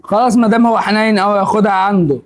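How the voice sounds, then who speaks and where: An actor with an Egyptian accent, playing a defensive grown son in debt who answers with curt, rapid-fire excuses. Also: male voice, high-pitched, fairly even intonation, lightly acted. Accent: Egyptian Arabic. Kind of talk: scripted family drama acting.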